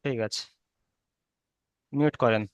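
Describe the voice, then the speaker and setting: A man's voice: medium pitch, takes it slowly, clean tone, dry recording, dull audio. A man teaching an online Arabic reading lesson with a Bengali accent, patiently spelling out letters and correcting students.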